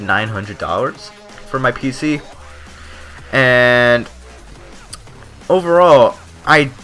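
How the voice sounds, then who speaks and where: Bright-voiced man, lip numb from the dentist. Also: medium pitch. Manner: rambling, informal, stumbling over words. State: lip numb from dentist's Novocaine, speech slightly off. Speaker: gaming video creator giving opinions. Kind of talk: casual unscripted commentary.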